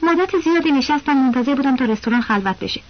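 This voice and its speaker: High-voiced woman reading an audiobook. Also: dull audio. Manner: steady, plain first-person storytelling. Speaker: audiobook narrator.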